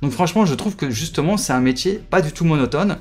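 A man's voice: on the high side, animated, fast talker, faint music behind. A man, a gaming YouTuber chatting casually with his viewers in a hesitant way, full of fillers and repeated words.

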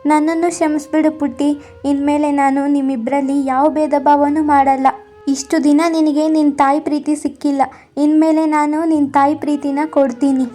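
Cartoon stepmother, middle-aged, pleading and apologetic; woman performer, high voice. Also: flat delivery, normal speed, warm tone, natural voice. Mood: tender. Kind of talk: cartoon voice acting.

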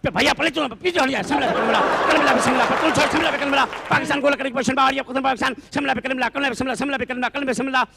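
A man playing a frantic, fast-talking hockey commentator on stage, rattling off calls breathlessly. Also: sits high, over a noisy crowd, very noisy, close to an everyday voice. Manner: rapid breathless shouting commentary. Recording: live stage show with audience.

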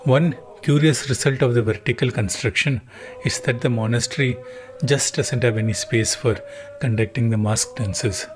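A man narrating a travel documentary in a calm, even, scripted voice-over. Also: mid-range voice, moderate pace. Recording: voice-over with music underneath.

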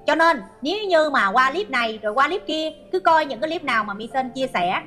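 A woman's voice: high-pitched, lively intonation, brisk, a bit bright, soft background music. A middle-aged woman hosting an online commentary show, reading out viewer comments and scolding a hater with sarcasm.

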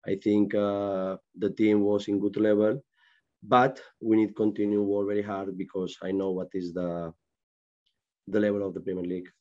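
A man in his forties, a football manager at a post-match press conference, answering in halting, searching English over a video call. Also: fairly low pitch, little pitch movement, darkish tone, highs cut off. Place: press room with sponsor board.

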